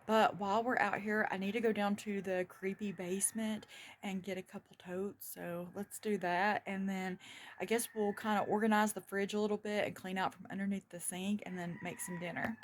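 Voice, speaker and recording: A woman talks through her day in a relaxed, chatty vlog voice. At times she drops to a nervous whisper. Clear household noise and crinkling sit behind her. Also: medium pitch, moderate pace. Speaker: vlogger. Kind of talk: casual vlog chat. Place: home, moving around indoors and outdoors.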